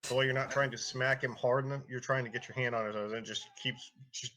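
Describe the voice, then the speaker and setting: A man's voice: mid-range voice, steady tone, quick pace, bright, forceful tone, poor audio. A man improvising narration as game master of a tabletop fantasy game, in a casual, conversational way.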